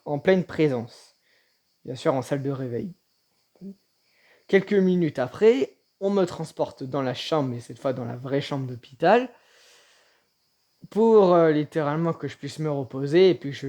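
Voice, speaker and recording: A man telling a personal story in a casual vlog, in a halting way with frequent restarts. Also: a little high, dark tone. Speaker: vlogger.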